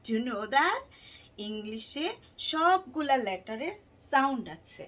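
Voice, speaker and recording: Bangladeshi lady doing a kids phonics lesson, super slow, kinda high voice, sing-song repeats. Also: animated, fairly bright tone. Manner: slow, drawn-out, sing-song repetition, switching between English and Bangla. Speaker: teacher to children.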